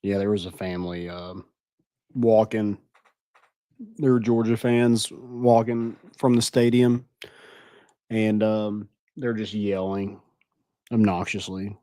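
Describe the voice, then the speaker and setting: A man's voice: fairly low pitch, level tone, takes it slowly, long pauses, dark tone, no echo. A man co-hosting a podcast, chatting casually about college football and telling stories animatedly. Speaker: podcast co-host. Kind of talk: casual sports chat.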